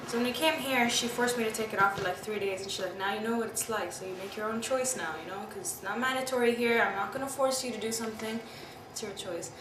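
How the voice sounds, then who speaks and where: Speaking at a quick pace in a slightly high voice, a Pakistani woman in her twenties shares candid, reflective personal recollections in an interview, with frequent "you know" and "I mean." The mic is distant, the room echoey, and there is background noise.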